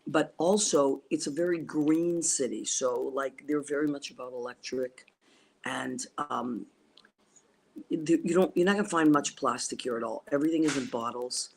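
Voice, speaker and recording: This talk show host's voice is very deep and creaky, at a normal speed. She's an Italian native speaker running a casual livestream via video call from abroad on a trip, rambling with enthusiasm and lots of fillers and restarts.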